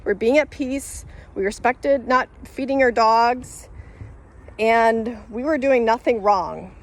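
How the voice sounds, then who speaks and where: Rambling, slightly high-voiced woman. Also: takes it slowly. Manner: rambling, many fillers and self-corrections; laughs through her telling. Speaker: vlogger. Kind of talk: casual storytelling to camera.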